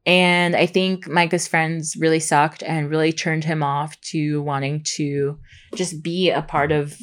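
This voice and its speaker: A woman podcast host giving a casual, rambling, chatty recap in informal speech, with soft R's that come out close to W. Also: deep voice, flat delivery, unhurried. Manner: rambling, gushing informal talk with frequent "like" and "super".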